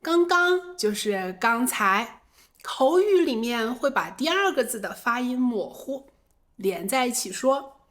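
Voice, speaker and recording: A woman's voice: on the high side, animated, takes it slowly, fairly bright tone. A woman teaching a language lesson, explaining phrases and acting out short example lines. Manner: acts out example phrases in quoted voices.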